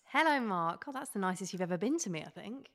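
A woman's voice: mid-range voice, lively intonation, fast. A woman guest on a football podcast, bantering playfully with the host. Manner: playful, bantering, laughs easily. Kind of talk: casual chat.

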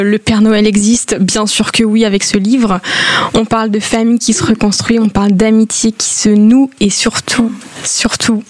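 A woman co-hosting a book show, gushing enthusiastically about a children's book. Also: mid-range voice. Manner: gushing, enthusiastic, fairly even-toned. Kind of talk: casual book recommendation.

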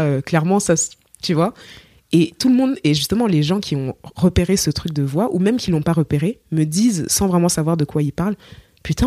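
A woman's voice: deep voice, dark tone, no echo, clean studio sound. A woman from Cameroon, a singer, telling her story in a casual interview and acting out the voices she quotes. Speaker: singer, podcast guest.

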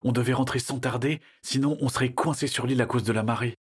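A man narrating a children's adventure audiobook in a lively storytelling manner. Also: mid-range voice, quick pace, husky. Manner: lively storytelling, shifting into character voices.

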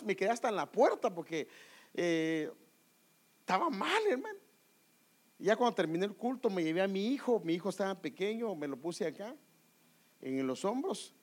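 A man's voice: high voice, big pitch swings, moderate pace. A man preaching a sermon with emphatic rhetorical questions, often calling his listeners "brother".

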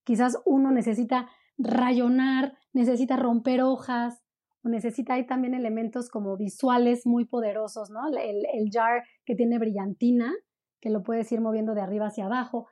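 Soft-toned woman explaining parenting. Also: a little high, little pitch movement, moderate pace. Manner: warm explanatory, frequent "¿no?" tags. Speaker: parenting coach guest. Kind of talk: conversational interview.

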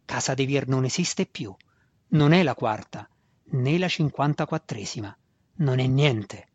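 Storybook villain: man voicing a cruel faceless drow wizard, husky gravelly snarl, slow menace. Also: mid-range voice, animated, a little mellow. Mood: mocking. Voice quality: gravelly growl. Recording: dull dry lo-fi recording.

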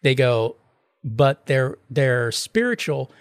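A man hosts a podcast in a casual chat, rambling through anecdotes and acting out both sides of the conversations he retells. His medium-pitched voice is very animated yet slow, with a clean tone and no echo.

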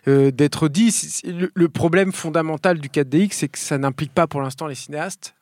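A man's voice: a little high, brisk, darkish tone, no echo, clean studio sound. A man on a panel, talking things through thoughtfully and repeating himself. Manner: thoughtful, repeats himself, says "en fait" often. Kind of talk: casual roundtable chat.

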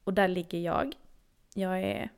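Swedish-speaking woman telling a story, creaky. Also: lowish voice, fairly even intonation. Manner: earnest, intimate, dropping to near-whispers at intense moments. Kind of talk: personal storytelling.

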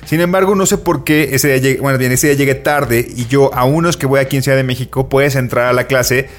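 A man's voice: medium pitch, steady tone, quick pace. A man with a Mexican accent, co-hosting a podcast, telling a long story casually with slang and restarts. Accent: Mexican Spanish. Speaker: podcast co-host. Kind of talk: casual chat.

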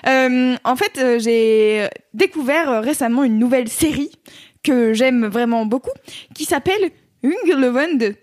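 A woman with a high voice hosting a podcast in a relaxed chat. She talks hesitantly, pausing on fillers as she gathers her words. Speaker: podcast host. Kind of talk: casual chat.

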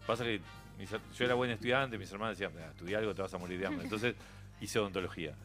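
A middle-aged man with a Uruguayan accent, a radio interview guest chatting casually and telling animated stories with frequent laughter. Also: fairly low pitch, rapid-fire, faint music behind. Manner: animated storyteller, laughs often.

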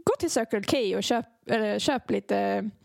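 A woman's voice: medium pitch, gravelly, no room sound, clean studio sound. A young woman in casual chat, animatedly telling a story, acting out the dialogue and laughing often. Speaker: podcast co-host, songwriter.

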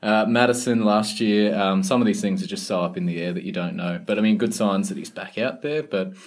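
A man speaks in a fairly low voice with a North Queensland twang. He talks casually, as a pundit does on a fan sports podcast. His Australian accent is regional and informal. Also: brisk. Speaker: podcast co-host and fantasy rugby league pundit.

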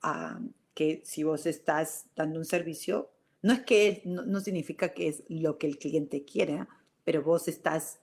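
A middle-aged woman with a Rioplatense Spanish accent, hosting a show and telling a personal story in a casual monologue, mixing in English words. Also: fairly low pitch. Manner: animated, slips into English words. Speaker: show host.

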